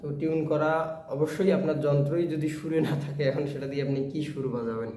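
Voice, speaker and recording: A man's voice: a little high, quick pace, loud music behind the voice. A man giving a patient step-by-step instrument lesson, chanting rhythm syllables aloud as he plays. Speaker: music teacher. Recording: echoey room with plucked strings.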